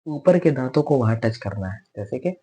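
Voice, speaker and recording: Husky male Tajweed teacher drilling sounds. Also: mid-range voice, expressive, warm tone. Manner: patient, repeats letter sounds slowly for students to copy. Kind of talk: step-by-step pronunciation lesson.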